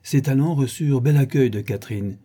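Dark-voiced man reading a novel. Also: mid-range voice, brisk, husky. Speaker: narrator.

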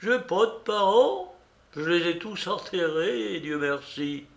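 A man's voice: high-pitched, expressive, slow, gravelly, reverberant, pitched above the performer's own voice, heavily acted. A man voicing a sly, scornful dying old beggar whose thin voice rattles and fails as he gives orders. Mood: ironic. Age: older. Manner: mocking and imperious. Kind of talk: audiobook character reading.

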